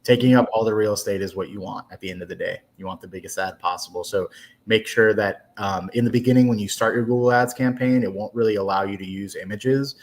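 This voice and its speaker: A man's voice: fairly low pitch, fast talker. A man giving a casual, conversational explanation in a business webinar. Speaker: marketing presenter.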